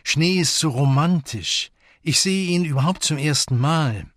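An eager young woman who asks bright, excited questions, as a male audiobook reader puts her on. The voice sits slightly higher than his own and moves slowly. The recording is dry and close. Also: dry recording. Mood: gushing. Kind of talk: audiobook character voice.

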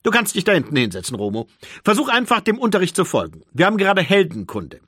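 A man voicing a calm, patient male wolf-like creature who is a teacher, explaining in an audiobook. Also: high-pitched, fast talker, slightly rough, no room sound, clean studio sound, voice pushed up, heavily acted.

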